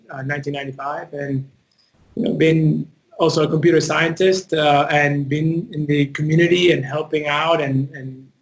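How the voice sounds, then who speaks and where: A man's voice: on the high side, fairly bright tone, rough recording. A man from Argentina, a guest on a tech show, talking hesitantly with many fillers. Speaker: startup technical lead guest. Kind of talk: casual interview chat.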